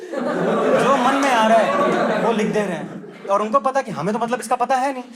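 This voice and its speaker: His voice is extremely high, with lively intonation and a moderate pace. This young man from Delhi, India, is doing conversational stand-up before a live comedy club audience, briefly acting out local voices as the crowd laughs.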